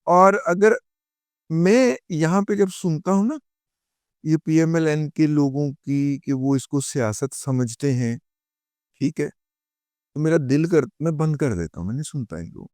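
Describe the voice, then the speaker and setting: A man's voice: on the high side, a little mellow, dry recording, studio quality. A male political analyst with a Punjabi accent giving a heated, scornful commentary monologue that mixes in Punjabi phrases. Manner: switches between Urdu and Punjabi.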